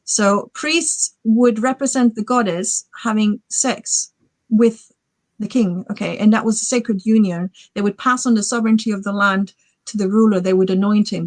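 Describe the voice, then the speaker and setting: A woman's voice: medium pitch, no room sound. A woman in her forties, a guest author, talking casually on a podcast in a rambling, enthusiastic way full of fillers. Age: 40s.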